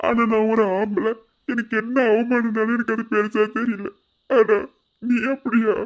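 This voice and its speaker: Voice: mid-range voice, level tone, normal speed, close to an everyday voice. A performer voicing a remorseful young village husband in a cartoon, pleading and self-blaming, with a Madurai Tamil accent. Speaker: cartoon character. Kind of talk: emotional cartoon drama dialogue. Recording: dull lo-fi sound.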